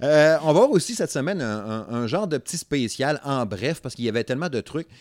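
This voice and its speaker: A man's voice: medium pitch, sing-song, fast, no echo. Chatty Québécois man hosting a podcast. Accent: Québécois French. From Saguenay, Quebec. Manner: chatty, laughing, colloquial with many fillers. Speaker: podcast host. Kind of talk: casual podcast chat.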